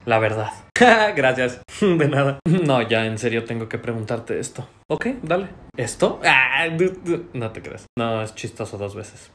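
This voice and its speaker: A young man with a Mexican accent performing comedy sketches, playing both sides of the conversation in playful, quick banter. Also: medium pitch, animated, fairly bright tone.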